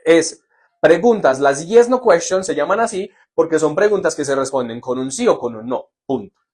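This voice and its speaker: Lively man teaching a live class. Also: a little high, moderate pace, breathy edge. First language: Spanish. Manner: lively, jokey, asks "¿listo?" often. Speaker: English teacher. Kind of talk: live online lesson.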